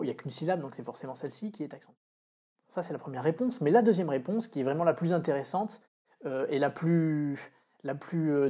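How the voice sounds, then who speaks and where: Male teacher, husky voice, laid-back explainer who stumbles and restarts. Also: fairly high pitch. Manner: relaxed, hesitant with fillers and restarts. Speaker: English teacher. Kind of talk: explanatory video lesson.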